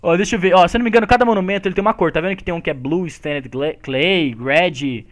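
A young man with a Brazilian accent, leading friends through a Minecraft map in casual chat, excitable and bossy as he explains the goals. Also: sits high, fast talker. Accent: Brazilian Portuguese. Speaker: lead Minecraft player.

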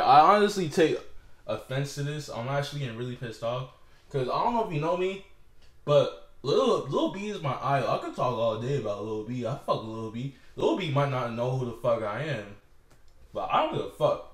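A man's voice: medium pitch, big pitch swings, normal speed, roomy sound. A young man vlogging an angry, profane rant to the camera, repeating himself as he goes.

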